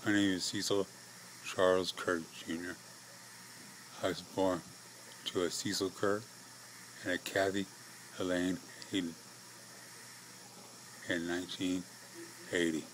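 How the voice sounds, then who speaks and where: Frail, breathless American man, low monotone. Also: slight background noise, rough recording. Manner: halting, short phrases with pauses. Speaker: patient telling own life story. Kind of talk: personal testimony to camera.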